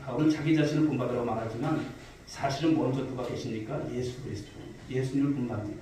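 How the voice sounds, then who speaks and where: A man's voice: mid-range voice, steady tone, quick pace, dark tone, slight background noise. A male pastor preaching a sermon to his congregation, asking questions and telling stories. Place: large church sanctuary. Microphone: distant mic in a reverberant hall. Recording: very echoey hall, voice from far off.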